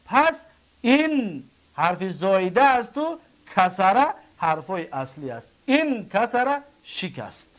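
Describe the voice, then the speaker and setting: A man with a Tajik accent gives a grammar lesson in a fairly high voice. He drills each word form slowly and answers the questions he puts to his class. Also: sing-song, fairly bright tone. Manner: repeats forms slowly, asks and answers own questions. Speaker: Arabic grammar teacher.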